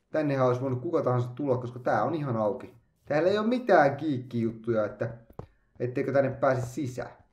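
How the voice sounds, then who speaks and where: Excitable man doing game commentary, echoey room. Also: mid-range voice, highs cut off. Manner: excitable, chatty, makes silly sound effects. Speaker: gaming YouTuber. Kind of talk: playful let's-play commentary.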